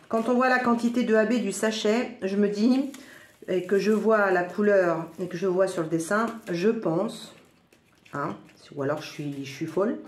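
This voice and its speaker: A woman from northern France with a northern French accent, chatting excitedly through a crafts unboxing at home, full of little exclamations. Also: mid-range voice. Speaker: crafts vlogger. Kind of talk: casual product unboxing. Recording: roomy echo.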